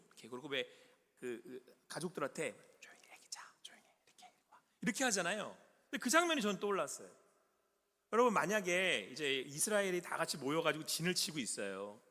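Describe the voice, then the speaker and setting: A man preaching a sermon as pastor, asking the congregation questions and swinging from loud calls to soft whispers. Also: a little high. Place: church sanctuary. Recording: long hall reverb.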